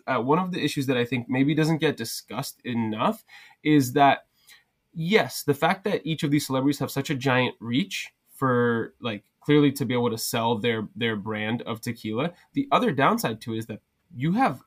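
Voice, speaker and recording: A man's voice: medium pitch, expressive, normal speed. A young adult man, a podcast guest, chatting casually into a headset, rambling with many restarts and fillers. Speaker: podcast guest, cocktail content creator.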